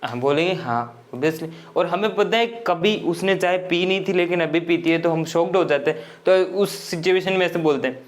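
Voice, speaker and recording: A man teaching English grammar in Hindi, explaining step by step and often checking that students follow. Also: high voice. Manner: slow, repetitive explaining with frequent checks.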